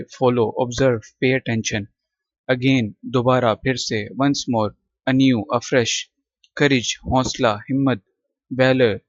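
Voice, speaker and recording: A male teacher walks through a vocabulary list, repeating each word patiently and drilling its pronunciation. The sound is dry and a little dull, as if recorded close on a simple mic. His pitch sits in a middle range. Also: no room sound. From Pakistan. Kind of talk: classroom lesson explaining vocabulary.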